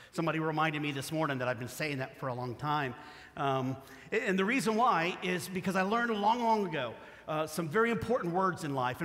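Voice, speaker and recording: Male pastor, middle-aged, higher voice, casual sermon delivery in a hall with long reverb. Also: fairly bright tone. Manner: conversational, self-correcting, asks congregation to respond. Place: church sanctuary.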